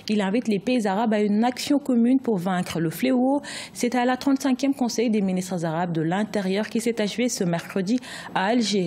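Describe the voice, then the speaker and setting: A woman news anchor reading the headlines and introductions in a measured, formal manner. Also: medium pitch, mellow.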